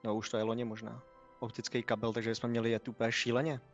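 Online game master, adult man, mid-pitched voice, apologetic and puzzled, faint music underneath. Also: little pitch movement, dull audio. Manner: apologetic, puzzled about his lagging connection. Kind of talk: narrating a tabletop game online. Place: at home on an online call.

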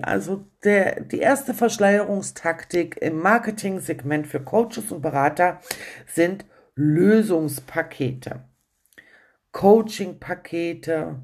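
A woman's voice: lowish voice, a little mellow. A woman coach in a candid, chatty personal monologue, reflecting with a self-ironic manner.

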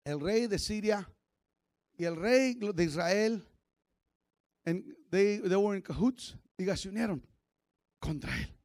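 Fiery high-pitched pastor. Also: male voice, expressive, slow pace, pauses often, dry recording. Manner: fiery preaching that swings from shouts to quiet asides; calls on the congregation to repeat after him. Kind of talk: Sunday sermon.

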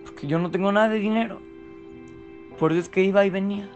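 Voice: medium pitch, steady tone, quick pace, darkish tone, highs cut off, faint music behind, close to an everyday voice. A storyteller voicing a poor man who nervously stalls at a store checkout. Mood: humble. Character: poor flustered man shopping for a holiday.

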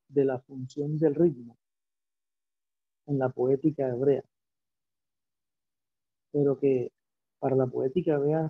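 A man teaching a lecture, speaking slowly and deliberately and asking himself rhetorical questions as he explains. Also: fairly high pitch, vocal fry, slightly rough, no room sound. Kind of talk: lecture on biblical poetry. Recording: dull lo-fi recording.

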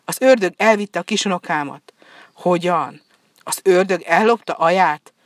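A woman voicing a distraught old grandfather who cries out loudly in a storybook reading. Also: on the low side, dry recording, clean studio sound, close to an everyday voice. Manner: loud, distraught.

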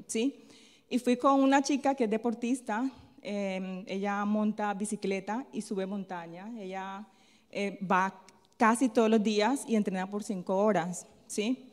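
A woman preaching a sermon who keeps asking questions, answers them herself and tags her lines with a quick "¿sí?". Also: mid-range voice. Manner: tells a personal story in a softer, chatty tone. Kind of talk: sermon with call-and-response questions. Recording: long hall reverb.

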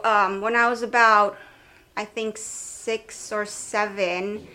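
A woman's voice: mid-range voice, sharp tone, smooth. A young woman from Romania, a podcast guest sharing her life story in a casual, conversational way, with many fillers and self-corrections. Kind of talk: casual personal testimony.

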